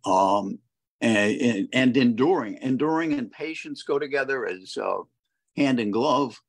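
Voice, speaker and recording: A man co-hosting a conversational Bible study over a video call, reflecting slowly and reading scripture verses aloud. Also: medium pitch, animated.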